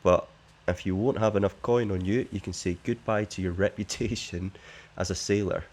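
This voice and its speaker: A man's voice: deep voice, steady tone, moderate pace, a little mellow. A man voicing a shady smuggler boss who offers a secret job, read plainly from the game text.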